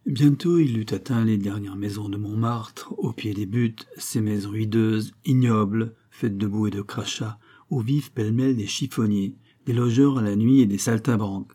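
A man reading a novel aloud as narrator at a steady, measured pace. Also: on the low side, slightly rough. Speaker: audiobook narrator. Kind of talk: scripted narration.

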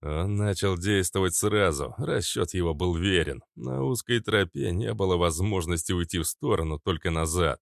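A man narrating an adventure audiobook in the first person, steady and even, on a close studio mic. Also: low voice, moderate pace, gravelly, few pauses, dry recording.

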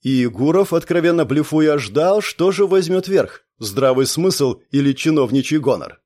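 A man reads a detective novel in steady, measured narration. His voice sits a little high for a man. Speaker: audiobook narrator. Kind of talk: scripted narration.

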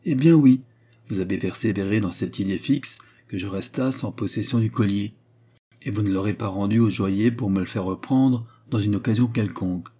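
A man voicing a proud, haughty queen in an audiobook reading, his voice raised higher and delivered in an imperious, demanding way. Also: moderate pace, warm tone, husky.

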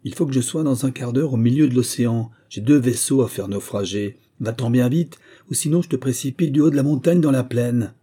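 A man voicing a threatening male wind spirit in a storybook reading, shouting commands. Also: fairly low pitch, steady tone, brisk, hardly any pauses, lightly acted. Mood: furious.

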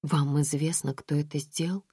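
A woman reading an audiobook, voicing a guarded young heroine who speaks quietly and in short replies. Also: sits low, fairly even intonation, moderate pace, slightly rough, dry recording, studio quality. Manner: quiet, clipped. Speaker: audiobook reader.

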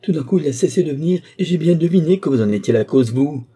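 A man reading the part of a proud young woman who answers back with sharp, scornful defiance. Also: fairly low pitch, normal speed, husky. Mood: furious.

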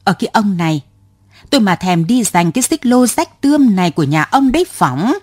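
A woman's voice: mid-range voice, lively intonation, fairly quick, a little mellow, husky, no echo, clean studio sound. A woman voicing a stubborn passenger in her seventies who answers curtly and refuses to get off, in a storybook reading. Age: 70s. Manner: curt, stubborn. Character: stubborn elderly woman passenger, curt and unruffled.

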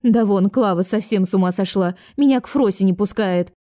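A woman voicing an elderly aunt, now young-looking, who is indignant and excitable. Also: mid-range voice, a little fast, no room sound, clean studio sound, lightly acted. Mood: exasperated.

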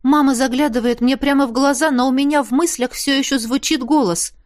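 A woman's voice: high-pitched, steady tone, fairly quick. A woman narrating a first-person story as an audiobook reader, intimate and emotional.

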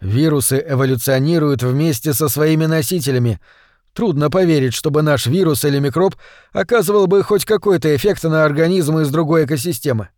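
Man reading a calm, explaining male scientist, audiobook, slightly raised pitch, dry. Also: dry recording, natural voice. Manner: measured explaining.

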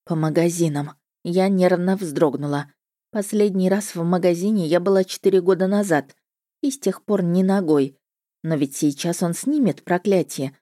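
Low-voiced woman reading a fantasy audiobook. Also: moderate pace, dry recording, studio quality. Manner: lively, wry storytelling with sharp retorts. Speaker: audiobook narrator. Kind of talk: first-person fantasy audiobook narration.

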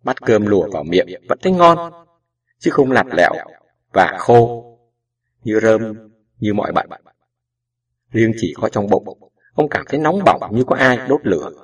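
A man narrating a novel as an audiobook in a slow, measured storytelling way. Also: lowish voice, sing-song, slightly rough. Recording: distant mic with background music.

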